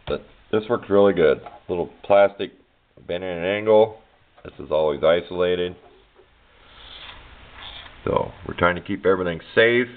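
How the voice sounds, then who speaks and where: Filmed at a home workbench with a handheld camera, the sound muffled and phone-thin, a man casually walks through his electronics project in a plain, rambling way. He speaks low at a moderate pace, with long pauses.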